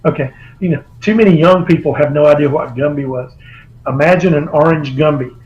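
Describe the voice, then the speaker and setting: A man's voice: fairly high pitch, a little fast. Man telling stories over a muffled call. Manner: anecdotal, rambling storyteller. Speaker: author guest. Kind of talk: remote interview. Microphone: video call.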